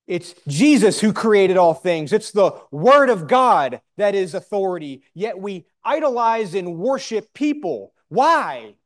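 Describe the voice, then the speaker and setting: A man preaching a sermon in short emphatic phrases, pausing for a live interpreter, with rhetorical questions. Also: high-pitched, sing-song.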